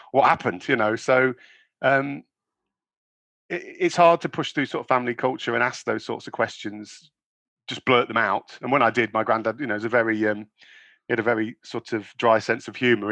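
A middle-aged man raised in England, a guest author telling his story in an interview, with many pauses, ums and restarts. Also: mid-range voice, steady tone, fairly bright tone, no echo. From born in the USA, raised in England. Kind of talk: conversational interview.

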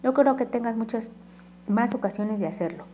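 A woman's voice: fairly high pitch, normal speed, warm tone, a little hiss or hum, natural voice. A woman voicing a blunt, slangy young gamer friend in an audiobook. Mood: urgent.

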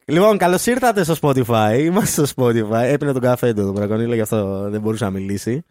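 A man's voice: medium pitch, animated, a little mellow, no room sound, clean studio sound. A man hosting a casual podcast chat, playful and teasing, laughing often. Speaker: podcast host.

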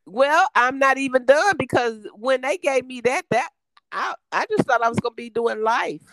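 A middle-aged woman telling her life story in conversation, emphatic and lively, acting out the voices of others. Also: high-pitched, normal speed, no echo, rough recording.

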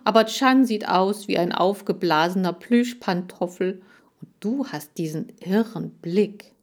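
A woman's voice: mid-range voice, unhurried. A woman voicing a vain, anxious male hamster who whines and complains. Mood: whiny. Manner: whining, complaining.

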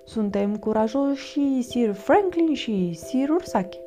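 A woman's voice: fairly high pitch, expressive, music in the background, pitched above the performer's own voice, close to an everyday voice. A woman voicing an eager young turtle boy in a storybook reading.

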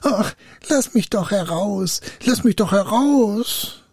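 A man's voice: expressive, slow, darkish tone, breathy edge, no room sound, studio quality, heavily acted. Man doing Mercurius, a boastful bottle spirit. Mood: whining. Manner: booming threats, whining pleas. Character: huge boastful male bottle spirit, menacing yet wheedling.

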